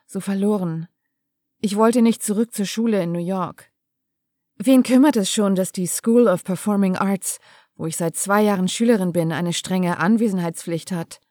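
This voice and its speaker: A woman reading a first-person audiobook story aloud, emotional and falling to a hush in tense passages. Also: medium pitch, no echo, studio quality. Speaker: audiobook narrator.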